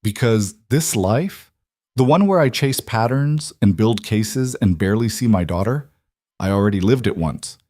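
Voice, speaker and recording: A man playing a quiet single dad who answers calmly and won't be moved. Low voice, close and dry. Heard as an audio story. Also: normal speed, no echo. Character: quiet, grounded single father, firm and calm.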